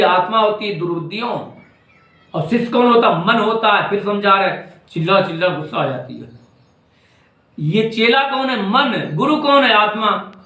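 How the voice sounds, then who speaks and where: A man's voice: high voice, a bit bright, echoey room, low-quality recording. A man with a Braj Hindi accent giving a devotional discourse as a spiritual teacher, scolding and repeating his points with emphasis.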